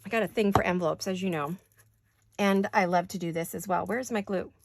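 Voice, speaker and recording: Working on paper crafts at home in her studio, a middle-aged woman vlogs in a chatty, rambling way and makes self-deprecating jokes. She speaks briskly in a lowish voice. The background is noisy.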